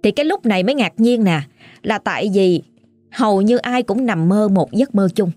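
A woman's voice: mid-range voice, expressive, moderate pace, warm tone. A woman with a Southern Vietnamese accent telling a ghost story in a chatty, dramatic way, speaking to the listener directly.

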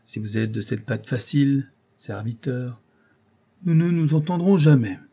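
A man's voice: mid-range voice, expressive, a little slow, dark tone, pitched above the performer's own voice. Man voicing a crafty old job broker. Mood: scornful. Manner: coaxing, ironic, lecturing. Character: crafty aging male job broker, paternal and scheming. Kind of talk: audiobook character voice.

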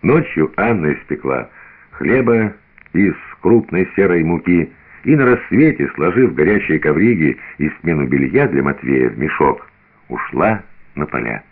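A man reading a novel aloud with expressive, theatrical narration, on a tinny old radio recording. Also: a bass voice, unhurried. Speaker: reader.

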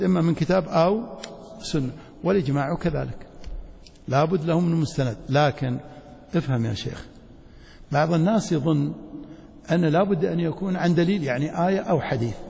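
A sheikh with a Saudi accent teaches an Islamic studies lecture in a large mosque hall, checking often with short questions that his students follow along. His voice is fairly high, creaky and warm with a breathy edge, and the hall's echo lingers long.

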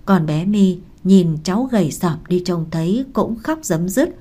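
Mellow-voiced woman narrating a novel. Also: fairly low pitch. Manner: calm, measured storytelling. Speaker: audiobook narrator.

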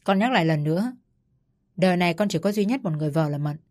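A woman's voice: fairly low pitch, expressive, fast talker, a little mellow, dry recording, studio quality, close to an everyday voice. A woman voicing a young husband who stands firmly by his wife. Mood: firm resolve.

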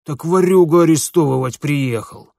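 A man's voice: on the high side, moderate pace, creaky, darkish tone, no room sound, clean studio sound. A man voicing an obsequious rustic village police sergeant who whines and grovels. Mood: groaning. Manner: whining, obsequious.

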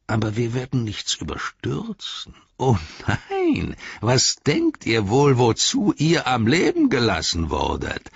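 A man voicing a sly, menacing male orc who hisses and whispers slowly, with a husky voice in a slightly dull recording. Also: low voice, no room sound, full character voice. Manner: hissing, whispery, slow and drawn-out.

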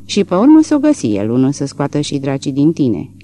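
A man's voice: a little high, wildly swooping pitch, mellow, slight background noise. A man reading the lines of an angry rural farmhand in an audiobook, speaking in a raised, reproachful way.

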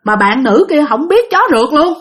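A woman's voice: high-pitched, very animated, normal speed. A woman telling a ghost story in a casual, chatty way, addressing listeners directly.

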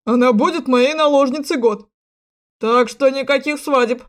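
A woman narrator doing an arrogant young prince in a storybook reading. He barks short commands loudly and sneers at everyone around him. The voice sits a little below the reader's own high tone. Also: normal speed, close to an everyday voice. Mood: mocking. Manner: loud, sneering, clipped commands.

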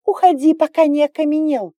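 A woman voicing a tearful, desperate young heroine who begs and sobs in high, loud cries. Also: fairly quick, dry recording, studio quality, lightly acted. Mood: pleading. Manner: high pleading cries, sobbing.

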